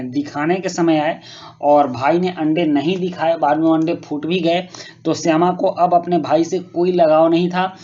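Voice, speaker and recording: A male teacher patiently explaining a school worksheet to children, often pausing with fillers and rephrasing. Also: on the high side, mellow. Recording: muffled lo-fi recording.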